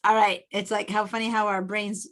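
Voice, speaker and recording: A woman's voice: medium pitch, level tone, moderate pace, fairly bright tone. A woman from Argentina, a native Spanish speaker, runs an online illustration class over a video call. She chats freely, greets each student, and drifts into rambling asides. Her voice comes through a headset mic. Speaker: illustration teacher. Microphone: Bluetooth headset on video call.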